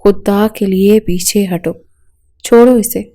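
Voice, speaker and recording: Woman reading anxious middle-aged mother, urgent, warm mellow tone, storybook. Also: medium pitch, lightly acted. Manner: urgent, trying to calm.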